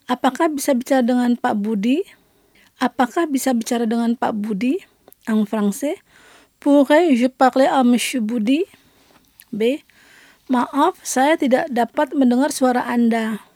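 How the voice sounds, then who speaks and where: A woman presenting a scripted radio language lesson, saying each phrase slowly twice and then translating it. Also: high-pitched, a little mellow, no echo, clean studio sound.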